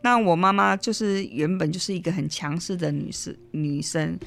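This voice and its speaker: A middle-aged woman with a Taiwanese accent, an interview guest telling a personal story, lively and acting out the lines she quotes. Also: on the low side, normal speed, creaky. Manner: lively storyteller, mixes in Hokkien, acts out quotes.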